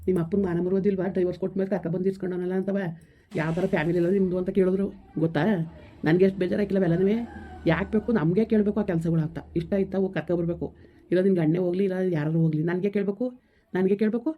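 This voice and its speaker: A woman's voice: fairly low pitch, steady tone, natural voice. A young woman playing a fed-up grown daughter who scolds her family in a village comedy skit, firing off indignant questions. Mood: hurt. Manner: indignant, scolding, rapid-fire rhetorical questions. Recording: tinny phone-like audio.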